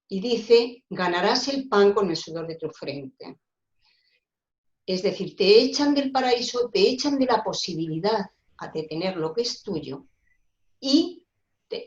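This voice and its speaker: Earnest woman, roomy lo-fi call. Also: mid-range voice. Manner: earnest, searching for words, many restarts. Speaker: guest speaker. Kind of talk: discussion talk on social rights. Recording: roomy, dull lo-fi call audio.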